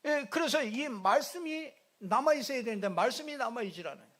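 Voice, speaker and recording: In a church sanctuary, a middle-aged male pastor with a very high, slightly bright voice and lively intonation preaches a little fast. His sermon is joking and chatty, peppered with repeated fillers and impressions of regional speech.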